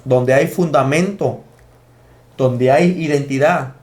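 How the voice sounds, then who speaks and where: A man preaching a sermon, teaching emphatically and counting out his points. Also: medium pitch. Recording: echoey room.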